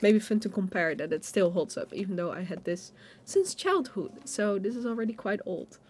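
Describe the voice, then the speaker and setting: Speaking at a normal speed in an expressive, mid-range voice with a darkish tone, a young woman narrates a casual show-and-tell of pens and a notebook. She's a stationery vlogger at a home desk, filmed from overhead, and she fills her talk with fillers and restarts. Slight background noise is audible.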